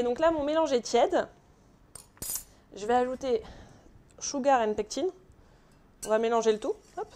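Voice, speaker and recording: A woman runs a live pastry class from a kitchen, her voice on the higher side. She talks casually, tosses jokes to viewers and keeps asking "ok?". Faint background noise sits under her voice. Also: darkish tone. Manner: chatty, joking asides to viewers; often checks with "ok?". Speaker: pastry instructor. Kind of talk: live online baking class.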